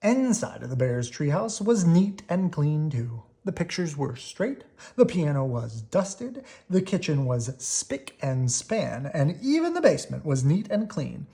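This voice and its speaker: Reading aloud to children, a storyteller with a medium-pitched voice performs expressively, stretching out important words to stress them.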